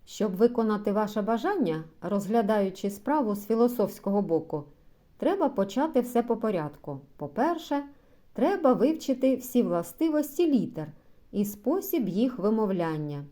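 A pedantic male philosophy teacher, read by a woman, lecturing slowly and carefully in a mellow, warm voice. His pitch rises and falls in lively sweeps as he explains. It has a storybook read-aloud feel. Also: close to an everyday voice. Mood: explaining.

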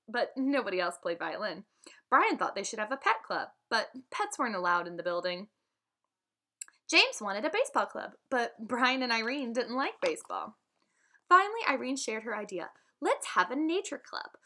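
With a fairly high-pitched voice, a woman teacher performs a children's book for her students. She reads expressively and energetically, voicing the characters as they talk.

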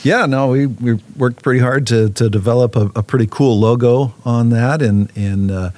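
A man's voice: medium pitch, moderate pace, darkish tone, dry recording. A man, a fishing program manager, talking casually in an interview, with many fillers and restarts.

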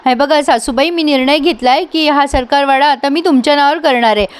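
A woman's voice: high voice, a little fast, natural voice. A woman voicing an earnest, stubborn young daughter-in-law in a serial recap, speaking in a pleading way.

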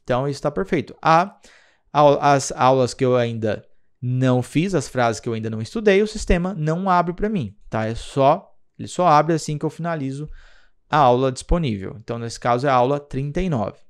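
A man's voice: mid-range voice, animated, a little fast, clear, resonant tone. A man with a Brazilian Portuguese accent, an English teacher walking viewers through an app in a screen-recorded tutorial, patient and explanatory, often checking in with the listener.

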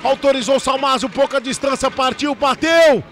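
A Brazilian man calling football in an explosive, excited, dramatic play-by-play style, drawing out his goal shouts. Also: extremely high pitch, normal speed, music in the background.

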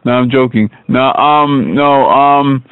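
A man baiting a phone scammer, stalling with hesitant, drawn-out answers and deadpan jokes. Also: medium pitch, clean tone, no room sound. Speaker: scam baiter on a call. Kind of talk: prank phone call. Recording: tinny phone line with background noise.

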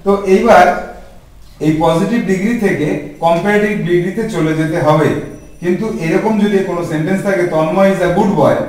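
A man's voice: sits high, brisk, a little mellow. A man teaching a spoken English grammar lesson to a class, putting questions to the students and answering them himself. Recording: echoey room from far off.

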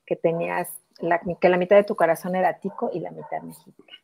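A middle-aged woman co-hosts a video-call interview with a gravelly, creaky edge to her voice. She talks effusively, piling on fillers as she praises her guest. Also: fairly low pitch, steady tone, fast, darkish tone. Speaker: co-host. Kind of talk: casual interview chat. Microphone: earphones on video call.

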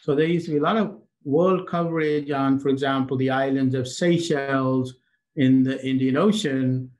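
An older man from Pakistan, raised in Britain, speaks at medium pitch and normal speed on a video call. A chamber of commerce president appearing as a guest, he tells stories in a casual interview, animated, repeating words and laughing between phrases.

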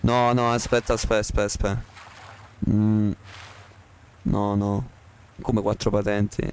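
A man's voice: fairly low pitch, level tone, unhurried, darkish tone, slight background noise. A man live-streaming a game, chatting with viewers in a playful, joking, slangy way, repeating himself, speaking close to the microphone. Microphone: close to the mic.

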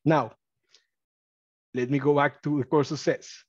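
Speaking through a computer mic on a video call, a man from Mexico with a Spanish accent presents college data during a screen-shared webinar. His slightly high voice comes across dry and a bit dull, and his delivery is halting, packed with fillers and restarts, with bursts of excitement.

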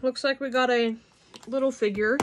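A woman's voice: high voice, steady tone, normal speed, a little hiss or hum. A woman doing casual unboxing commentary at home, chatty and wry, sometimes talking while chewing. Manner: chatty, wry, bursts of mock outrage. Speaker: unboxing vlogger.

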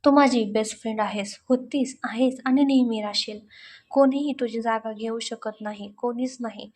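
A woman's voice: on the high side, fairly even intonation, normal speed, a little mellow, close to an everyday voice. A woman voicing an earnest, devoted young college man who talks in a pleading, heartfelt way. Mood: apologetic.

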